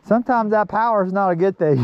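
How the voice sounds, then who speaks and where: A man's voice: high-pitched, quick pace, highs cut off. A man chatting and joking out of breath while riding a mountain bike trail outdoors. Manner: laughing, joking, thinking out loud. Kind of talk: casual chat while riding.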